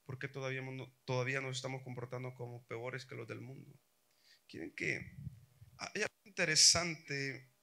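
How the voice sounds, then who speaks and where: A male pastor delivering a sermon in a church, his voice pitched high and ringing bright. He keeps asking the congregation questions and moves between booming and hushed delivery. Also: vocal fry. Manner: preaches with rhetorical questions to the congregation, swinging from loud to quiet.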